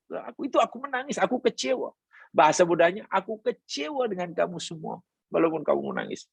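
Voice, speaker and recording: A man teaching a religious class in a sermon style, his voice sitting high for a man. He tells a story, acts out the family's words and recites Arabic phrases. The recording is close and dry, with no room sound. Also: gravelly, a bit bright, slightly rough, no room sound. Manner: storytelling, voicing family members and quoting Arabic.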